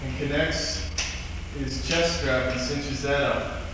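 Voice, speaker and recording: Speaking slowly and steadily at medium pitch, a male fire company instructor explains a hands-on demonstration one step at a time in a plain manner. The audio comes from a distant mic in a reverberant, echoey space with background noise.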